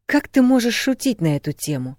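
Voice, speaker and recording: A man's voice: high-pitched, normal speed, darkish tone, dry recording, clean studio sound, voice pushed up, natural voice. A man voicing a fiery young woman. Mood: indignant. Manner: indignant, pleading, scolding. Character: spirited young woman, quick-tempered and loving. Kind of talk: audiobook reading.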